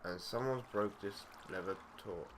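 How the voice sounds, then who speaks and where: A young man with a fairly low voice narrates a game at a normal pace, rambling easily and often using fillers and correcting himself. He's a gaming YouTuber doing casual let's-play commentary over loud background noise and game clicks.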